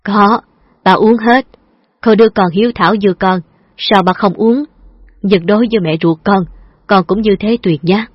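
A doting old father who grumbles and mock-scolds in a fond way, as a female narrator reads him in an audiobook. Her voice stays near its own pitch, and the recording sounds dull, lo-fi and dry. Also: moderate pace, pauses often, husky, no echo, natural voice. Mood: fondly scolding.

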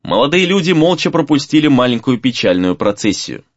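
A man reading a fantasy novel aloud as narrator, in a measured reading with varied emphasis. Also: medium pitch, big pitch swings, no echo, lo-fi sound. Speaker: audiobook narrator.

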